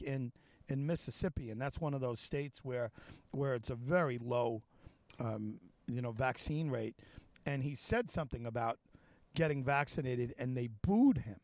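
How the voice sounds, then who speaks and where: A man's voice: mid-range voice, a little mellow, no room sound. A man hosting a talk show interview, asking long questions full of fillers and restarts. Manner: halting, many fillers and restarts. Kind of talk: casual interview chat.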